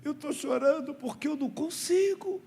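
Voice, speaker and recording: A man's voice: very high voice, moderate pace, vocal fry, warm tone, pitched above the performer's own voice. A man voicing a small, restless boy who earnestly admits he cannot sit still. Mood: pleading.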